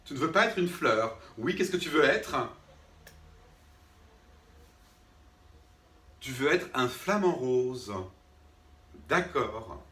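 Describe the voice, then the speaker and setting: A man's voice: medium pitch, lively intonation, unhurried, bright, forceful tone. A man playing an irritated drama teacher who talks to unseen students, patient at first and then fed up, always asking if they agree. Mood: coaxing. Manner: patient then irritated, keeps checking with "d'accord?". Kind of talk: comic one-man sketch. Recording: roomy sound, mic far off.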